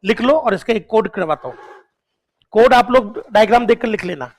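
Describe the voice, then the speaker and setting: A man with a high, expressive voice gives a classroom lecture, slowly drilling key points, repeating them, and quizzing students. He coaxes and encourages them along as he goes.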